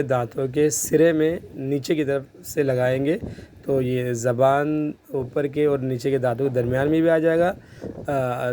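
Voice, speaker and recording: A man's voice: mid-range voice, warm tone, a little hiss or hum. A man with a Pakistani Urdu accent teaching a tajweed lesson, patiently repeating each Arabic letter sound many times and explaining how to place the tongue. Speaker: Quran recitation teacher.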